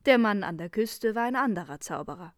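A woman voicing a calm, dismissive old king who is secretly a magician, in a read-aloud fairy tale. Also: mid-range voice, brisk, no echo, clean studio sound, natural voice. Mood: unmoved.

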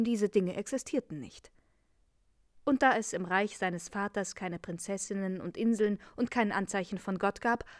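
A woman calmly reading out a scripted explanation and then a fairy tale as narrator. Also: medium pitch, no room sound, studio quality. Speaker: narrator and teacher.

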